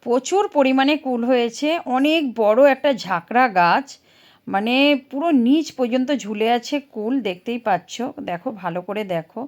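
A woman's voice: fairly high pitch, animated, moderate pace. A woman narrating a casual mini-vlog outdoors, chatting to viewers in a coaxing show-and-tell way with many little questions. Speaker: vlogger and content creator. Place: outdoor garden.

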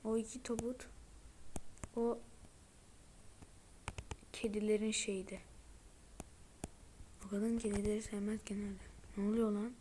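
A woman giving let's-play commentary with excitable running reactions to the screen, often dropping into a whisper. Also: medium pitch, unhurried, pauses often, a little hiss or hum. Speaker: gaming video creator.

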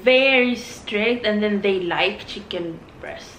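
A woman's voice: mid-range voice, takes it slowly, a bit bright. A young woman chatting casually while eating, full of fillers and restarts. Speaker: vlogger. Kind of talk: casual mukbang chat. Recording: echoey room with faint noise.

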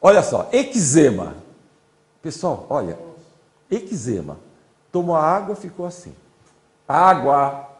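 A man's voice: a little high, wildly swooping pitch, slow, long pauses. A man giving an informal classroom lecture, chatty, constantly saying "look" as he points at slides. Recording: echoey lecture hall.

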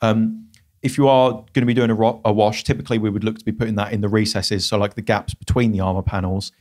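A young man co-hosting a miniature painting critique show in a small studio, explaining techniques in a measured way into a podcast mic. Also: on the low side, flat delivery, a little mellow. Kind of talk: casual feedback chat. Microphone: podcast mic on boom arm.

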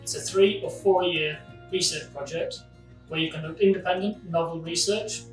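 A man from Lancaster in England, a postdoctoral researcher, giving a brisk, clear explanation to camera. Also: on the high side, steady tone. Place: university lab, indoors. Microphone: camera at a distance. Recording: echoey lab with distant mic, guitar music behind.

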